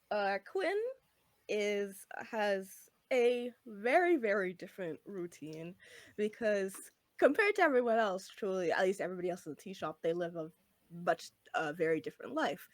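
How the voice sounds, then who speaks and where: A woman's voice: medium pitch, lively intonation, unhurried, no echo. A woman playing a tabletop role-play game, hesitantly describing her character's routine. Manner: hesitant, with many fillers. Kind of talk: casual in-character scene narration.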